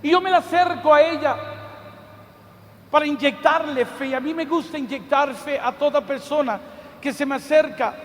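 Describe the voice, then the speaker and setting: A man preaching a sermon with fervor, often pausing to address the listener fondly. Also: very high-pitched, fairly bright tone, a little hiss or hum. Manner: fervent, repeats a fond address to the listener. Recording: long hall reverb.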